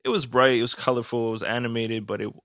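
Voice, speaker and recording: A young man co-hosting a casual chat, playful and animated, acting out voices. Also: medium pitch, fast talker, no echo, studio quality. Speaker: podcast co-host.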